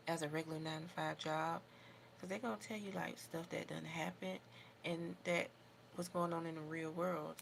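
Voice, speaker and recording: An American woman hosts a casual livestream in a fairly low voice with plenty of fry. She talks informally, rambling from thought to thought and giving her opinions freely. There is some noise in the recording behind her. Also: a bit bright. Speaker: livestream host doing her makeup. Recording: noticeable background noise.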